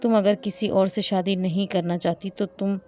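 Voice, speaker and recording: A woman voicing a calm, sorrowful man who speaks quietly and gently, in a spoken story. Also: medium pitch, natural voice.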